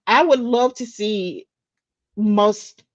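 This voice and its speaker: A woman's voice: medium pitch, very slow, dry recording, dull audio. A woman from the United States presenting daily facts in a casual live-stream chat, talking freely with restarts and fillers. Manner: chatty, with frequent restarts and fillers.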